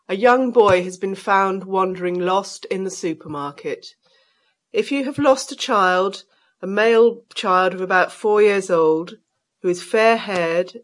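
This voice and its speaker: A woman reading scripted public announcements in a clear, firm voice. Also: fairly low pitch. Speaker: announcer in a listening exercise.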